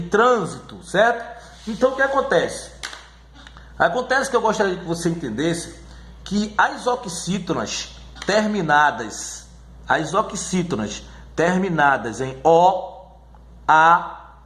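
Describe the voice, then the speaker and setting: A man teaching a grammar lesson, repeating words slowly and checking in often with his listeners. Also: high voice, fairly bright tone. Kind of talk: classroom lesson on syllables. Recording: echoey room.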